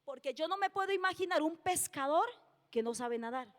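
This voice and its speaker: A woman's voice: sits high, animated, moderate pace, fairly bright tone. A woman preacher gives an emphatic sermon, repeating key phrases and asking the congregation questions. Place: church hall. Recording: long church-hall reverb.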